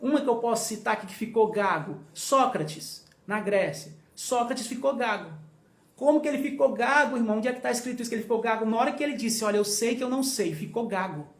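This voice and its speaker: Leading an informal Bible study, a man with a very high-pitched, fairly quick voice speaks emphatically, repeating key phrases and addressing his listeners directly. The room gives a noticeable echo.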